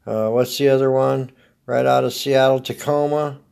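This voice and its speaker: A man in his fifties from Oregon, United States, speaks at normal speed with fairly even intonation. His mid-range voice is darkish and rasped like a smoker's, and as a podcast host he gives a laid-back, dry, rambling comedic monologue.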